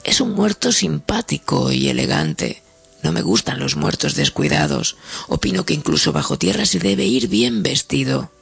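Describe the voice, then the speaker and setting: A man voicing a sly male gravedigger who gently coaxes mourners in a read-aloud story, with a soft, persuasive, teasing manner. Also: fairly high pitch, huge pitch swings, normal speed, creaky, breathy edge, dry recording, voice pushed up, exaggerated voice. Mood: musing.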